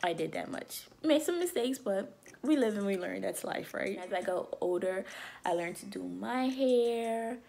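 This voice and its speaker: A woman's voice: medium pitch, expressive, a little slow, vocal fry, dark tone. A woman from Liberia talking casually to camera as a beauty vlogger, chatty and loose with frequent "um" and "you know".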